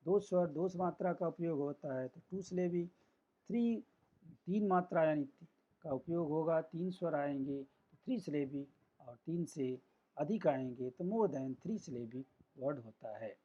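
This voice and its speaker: A man teaches an English lesson at a very unhurried pace. He stretches words out and breaks them into syllables. The recording sounds dull and lo-fi. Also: on the high side, warm tone. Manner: slow, syllable-by-syllable explaining. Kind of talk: classroom lesson.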